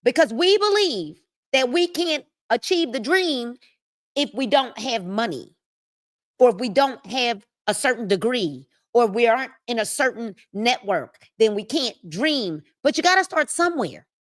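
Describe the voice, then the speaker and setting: Woman, 50s, motivational book-club host, high-pitched, preachy cadence. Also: very animated, no echo, studio quality. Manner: preachy, drawn-out reading with asides to viewers. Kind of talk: live-stream book reading and motivational talk.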